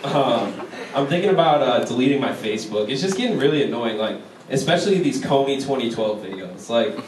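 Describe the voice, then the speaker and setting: Young adult male stand-up comic, American, casual talky delivery, recorded from afar with clear background noise and audience laughs. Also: mid-range voice, animated, a little fast. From Chicago, United States. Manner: casual, conversational delivery with frequent "like". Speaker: stand-up comedian. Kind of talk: stand-up comedy set. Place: live stand-up show in a university venue. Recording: echoey, distant, noisy live room recording. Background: crowd laughter.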